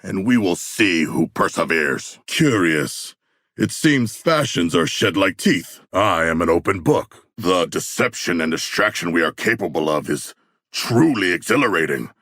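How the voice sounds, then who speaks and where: A man's voice: sits low, animated, unhurried, a bit bright, no room sound, clean studio sound, exaggerated voice. A man playing a huge humanoid shark warrior in a video game, earnest and literal-minded, with formal, stilted, grandiose diction and a battle-hungry pride. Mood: proud, formal. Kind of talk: video game character voice lines.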